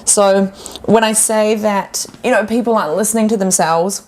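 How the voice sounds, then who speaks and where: A woman health coach talking casually on a podcast, acting out the inner voices of her clients with animated turns. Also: medium pitch, moderate pace.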